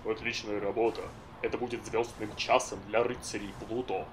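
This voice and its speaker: A man's voice: fairly low pitch, little pitch movement, moderate pace, background noise, lightly acted. A man voicing a blustering knight captain. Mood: triumphant. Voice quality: blustering, shouting. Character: loud blustering middle-aged male knight captain. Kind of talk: animated film dub. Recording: film dub with music underneath.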